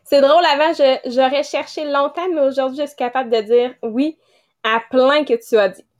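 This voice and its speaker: A woman co-hosting, reading listener comments aloud in a measured way. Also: sits high, steady tone.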